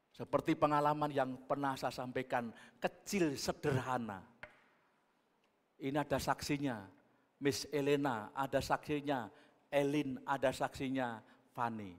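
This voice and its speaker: A man, a pastor, preaching a sermon. He moves between booming exhortation and quiet, chatty asides. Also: steady tone, a little slow, pauses often. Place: church hall. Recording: long church reverb.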